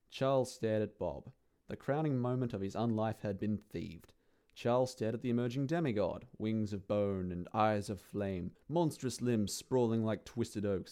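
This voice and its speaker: A man telling a grim fantasy tale in a low, mellow voice. His delivery is dry and theatrical, savouring each grisly turn. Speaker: narrator. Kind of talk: dramatic dark-fantasy storytelling.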